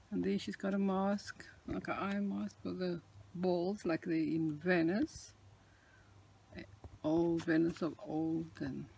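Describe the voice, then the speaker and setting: A woman vlogger showing off a handmade craft book, gushing with admiration and often dropping into soft whispers. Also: medium pitch, vocal fry, a little hiss or hum. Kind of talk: show-and-tell craft video.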